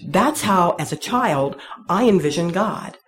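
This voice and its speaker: A woman with a lowish voice tells an audience her own faith story, speaking a little slowly and with animation. Her testimony is candid, wry and self-deprecating.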